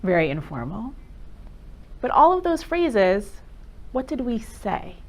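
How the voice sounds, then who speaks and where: A woman presenting a live workshop, speaking directly and quizzing the audience with quick questions. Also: a little high, sing-song. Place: meeting room with a live audience.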